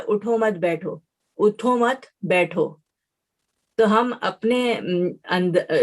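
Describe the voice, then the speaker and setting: A woman's voice: mid-range voice, darkish tone. A woman teacher, giving an online class lecture, explaining patiently step by step with examples, mixing in English words. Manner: mixes English words into her speech.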